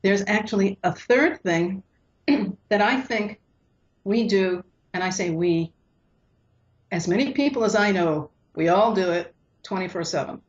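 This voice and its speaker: A woman counselor calmly explaining couples' conflicts in an interview, sometimes acting out what partners say. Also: mid-range voice, unhurried, highs cut off. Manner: acts out quoted couples in lively voices. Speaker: relationship counselor.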